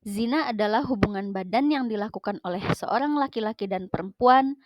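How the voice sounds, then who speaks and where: A woman, teaching a religious studies lesson in a slow, careful, scripted way. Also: fairly high pitch, no echo, rough recording. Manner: slow, careful, measured delivery with Quranic recitation.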